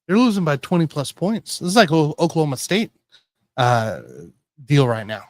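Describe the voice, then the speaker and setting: A man hosting a casual sports betting show, rambling and correcting himself as he tells excitable stories. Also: on the high side, normal speed, no echo. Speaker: podcast host.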